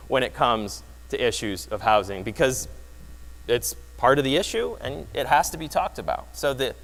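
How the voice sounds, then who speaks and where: A man giving a lively, wry conference talk that explains research results, often restarting his phrases. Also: mid-range voice. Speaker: presenter. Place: conference hall. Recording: long hall reverb.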